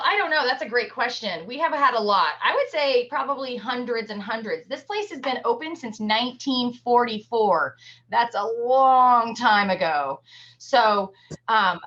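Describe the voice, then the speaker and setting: This animal shelter educator leads a virtual field trip for kids, keeping her explanations easy and supportive. She has a somewhat high, slightly bright voice. Her computer picks her up over a video call, giving muffled, low-fidelity audio.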